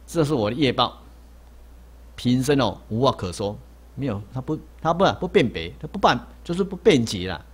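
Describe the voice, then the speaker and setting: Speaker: a man, Buddhist monk. Pitch: middle, ordinary. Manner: repetitive storytelling, with rhetorical questions he answers himself. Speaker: Buddhist monk lecturing on a sutra. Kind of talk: sermon storytelling. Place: lecture hall.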